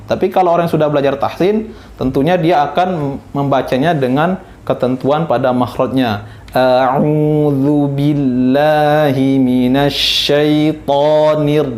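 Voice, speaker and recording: A male teacher from Indonesia giving a recitation lesson, speaking slowly and patiently and drilling each letter sound again and again. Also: fairly high pitch, darkish tone. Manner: slow, patient, repeats each syllable for practice.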